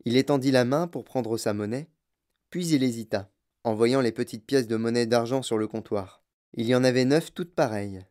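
A male narrator reading a children's story aloud. His delivery is expressive and steady, at a middle pitch. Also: moderate pace. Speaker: audiobook narrator. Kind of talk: scripted narration.

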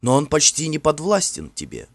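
A frightened young fairy woman, played by a man in a storybook, pleading and tearful, her pitched-up voice swooping widely between soft and urgent. The reading sounds close and dry, with faint music underneath. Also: wildly swooping pitch, normal speed, no echo, exaggerated voice. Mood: tender.

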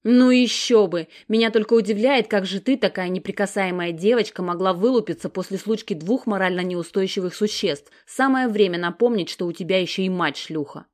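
A woman's voice: mid-range voice, a little fast, few pauses, natural voice. Woman doing a sneering foul-mouthed sister. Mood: mocking. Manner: sneering, loud and biting.

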